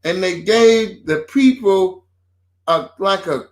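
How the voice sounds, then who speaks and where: A man with a high voice talks about faith in a relaxed, preaching way. He speaks slowly and circles back to his points with phrases like "see" and "so remember." He sounds like a co-host on a homespun talk show. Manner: informal, builds points slowly with repeated phrases.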